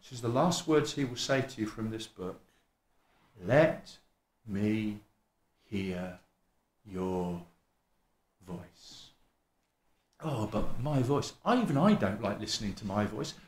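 A middle-aged man preaches at a lectern in a small church hall, his East Midlands accent carrying a Welsh tinge, his voice lowish and slow with long pauses. He's animated and conversational, pokes fun at himself, and acts out what people say. A stand mic at the lectern picks him up while a camera films from across the room.

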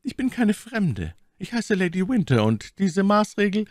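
A man voicing a proud, cunning noblewoman in a high, haughty falsetto, in a dry audiobook reading. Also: sing-song, unhurried, darkish tone, no room sound. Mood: proud, cool. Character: proud, cunning noblewoman captive, imperious and suspicious.

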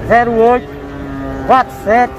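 A man's voice: extremely high pitch, little pitch movement, unhurried. A man selling cattle, giving short plain answers at an outdoor market. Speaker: cattle seller. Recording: distant voice, loud crowd and noise.

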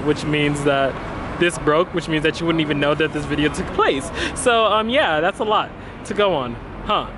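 Chatty young man vlogging on a street. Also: a little high. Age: young adult. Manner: chatty, rambling, laughs often between lines. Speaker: travel vlogger. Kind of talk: casual vlog chat to camera. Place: outdoors on a busy city street. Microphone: handheld camera held close. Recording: street traffic noise behind. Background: city traffic and passing vehicles.

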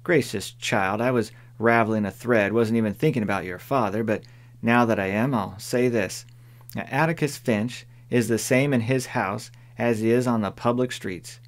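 A man voicing a sharp-tongued older woman neighbor in an audiobook, dry, firm and plain-spoken. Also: medium pitch, moderate pace, natural voice. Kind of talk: audiobook character voice.

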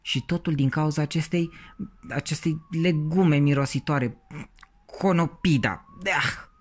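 A man's voice: a little high, voice pushed up, lightly acted. A man playing a grumpy picky boy. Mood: grumbling. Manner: grumbling, sulky.

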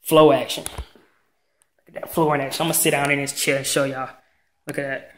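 A man's voice: mid-range voice, level tone, normal speed, reverberant, slight background noise. A man in his thirties hyping up his home gym setup in a casual, slangy way, filming on a handheld phone in a bare garage. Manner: hyped, boastful, slangy. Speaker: fitness vlogger. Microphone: handheld phone camera.

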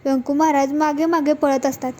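A woman with a high, mellow voice narrates an episode recap of a TV serial. She keeps a fairly even, level delivery as she reads out each character's lines in turn. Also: a little fast, slight background noise.

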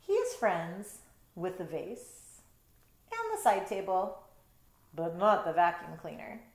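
With a lowish voice that swings hugely in pitch, a middle-aged woman reads a picture book slowly, adding chatty explanatory comments. She's a teacher doing storytime in her bedroom, and the room gives the recording a roomy echo.

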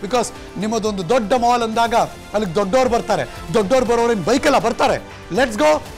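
A man's voice: sits high, brisk, faint music behind. A man anchoring a TV news bulletin in a studio, talking in an emphatic, conversational way and dropping in English phrases.

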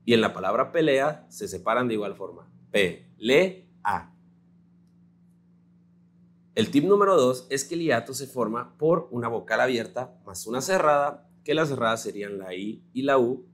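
A male teacher with a Mexican Spanish accent gives a recorded grammar lesson, slow and patient, spelling out words syllable by syllable. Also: medium pitch, animated.

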